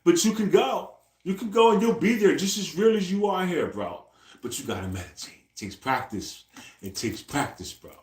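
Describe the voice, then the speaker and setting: A man's voice: high-pitched, animated, normal speed, darkish tone. A man in his forties, chatting casually on a live stream, talking in loose slang, ending nearly every phrase with "bro" and repeating himself to his viewers. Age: 40s. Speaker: livestreamer. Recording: echoey room.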